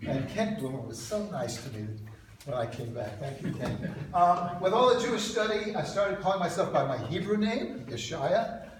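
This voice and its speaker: A man in his sixties giving an informal, off-the-cuff lightning talk about himself with slides, with wry, self-deprecating asides. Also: fairly high pitch. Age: 60s. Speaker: speaker at an alumni reunion talk. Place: echoey indoor presentation room. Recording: very echoey room, distant mic, loud noise.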